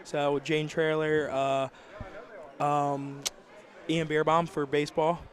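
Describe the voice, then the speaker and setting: A young male athlete answers interview questions in a steady, flat, laid-back way. His tone barely rises or falls as he talks about the game. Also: fairly high pitch, takes it slowly. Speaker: senior high school basketball player.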